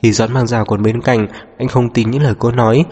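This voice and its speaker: A man narrating an audiobook novel in a steady, even storytelling manner. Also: mid-range voice, fairly quick, husky. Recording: long reverb with background music.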